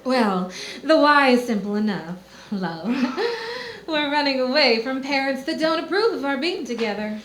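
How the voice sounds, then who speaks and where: A woman's voice: sits high, big pitch swings, measured pace, hardly any pauses, a bit bright, heavily acted. An actress playing a young woman eloping with her sweetheart in an old-time radio comedy stage show, light and teasing. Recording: roomy stage recording with light noise.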